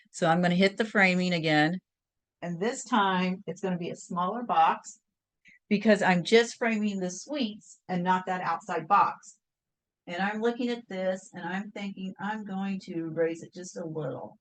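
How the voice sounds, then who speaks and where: A woman's voice: on the low side, no echo, rough recording. A woman hosting a crafting tutorial, talking step by step through a screen-share in a chatty, think-aloud way.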